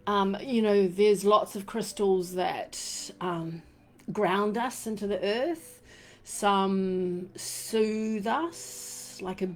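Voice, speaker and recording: A woman with a New Zealand accent hosting a casual live stream from home, rambling warmly with many fillers and lots of "fabulous" and "beautiful". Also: medium pitch, drawn-out words. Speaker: crystal and essential oil live-stream host. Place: home room. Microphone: desk microphone she turns around.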